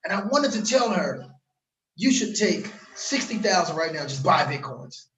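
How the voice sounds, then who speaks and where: High-voiced man giving a hard-sell vlog. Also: very animated, normal speed, fairly bright tone, roomy sound, slight background noise, poor audio. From Los Angeles. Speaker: crypto course promoter. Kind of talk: casual vlog pitch. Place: outdoors in a warm place.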